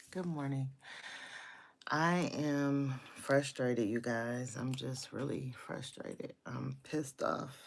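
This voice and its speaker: A woman's voice: extremely low pitch, vocal fry, slightly rough. A woman hosting a casual live stream, venting her frustration, repeating her greetings and complaints and swearing freely.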